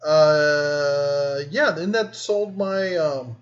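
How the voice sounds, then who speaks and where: A man's voice: fairly high pitch, fairly even intonation, very slow, highs cut off. A man hosting a casual live stream, reading and answering viewer comments in a rambling, easygoing way. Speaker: host.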